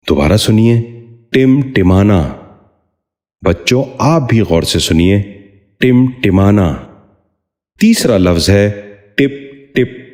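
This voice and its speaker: A man with a Pakistani Urdu accent presenting a scripted pronunciation lesson, sounding out single words slowly and deliberately. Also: lowish voice, darkish tone. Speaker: pronunciation teacher.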